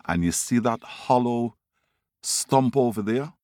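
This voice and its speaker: A man voicing a clever male trickster rabbit who gives brisk orders and rushes in a panic when scheming, in a storybook tale. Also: medium pitch, warm tone, dry recording, studio quality, natural voice. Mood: commanding. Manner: brisk, commanding, turns frantic when scheming.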